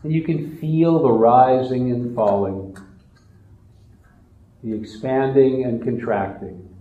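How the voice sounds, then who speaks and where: A man leading a guided relaxation meditation in a slow, soft, soothing manner. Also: mid-range voice, reverberant, narrow, tinny audio.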